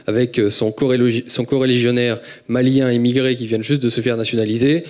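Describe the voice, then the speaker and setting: Young French man, panel speaker, steady declamatory delivery, mid-pitched voice. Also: a little fast. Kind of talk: prepared talk.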